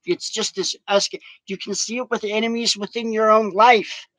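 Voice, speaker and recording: A man's voice: high-pitched, fairly even intonation, moderate pace, a bit bright, no room sound, poor audio. A man recorded outdoors in strong wind, giving a rambling, profane vlog monologue. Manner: profane, ranting.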